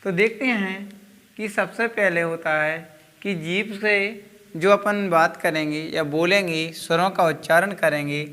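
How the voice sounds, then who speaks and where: Give me a male coaching-class teacher. He talks very slowly, pulling each vowel sound out long and deliberately, and his voice is bright and a little high. The sound has a long hall reverb. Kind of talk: slow spoken grammar lesson.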